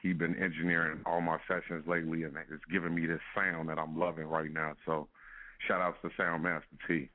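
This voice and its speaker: Heard through telephone call-in audio, this music artist guest has a very deep voice with a level tone and speaks a little fast. He keeps things laid-back, laughing frequently and dropping fillers like "you know what I'm saying."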